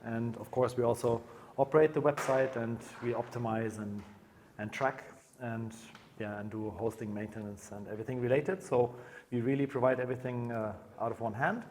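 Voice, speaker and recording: A man's voice: mid-range voice, moderate pace, darkish tone, slight background noise. A man from Germany giving a conference talk on stage, speaking casually with many fillers and restarts. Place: conference room.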